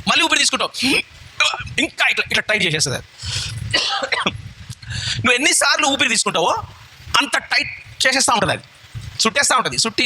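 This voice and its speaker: A man delivers a sermon in a high, sharply bright voice and keeps up a rapid pace. He throws rhetorical questions at the congregation and gently coaxes helpers through a live demonstration. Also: a little hiss or hum. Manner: coaxing, instructs helpers step by step. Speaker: bishop preaching.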